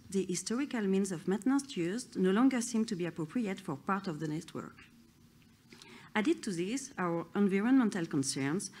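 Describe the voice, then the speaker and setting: A woman's voice: medium pitch, a little mellow. A woman with a French accent, reading a prepared conference talk with careful hesitations and restarts. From France. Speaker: conference speaker.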